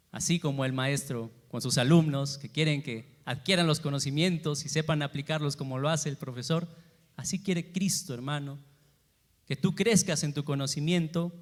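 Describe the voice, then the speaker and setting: A man preaching a sermon, asking the congregation questions and moving between loud emphasis and quiet asides. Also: fairly high pitch, in a large hall. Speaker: pastor. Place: church sanctuary.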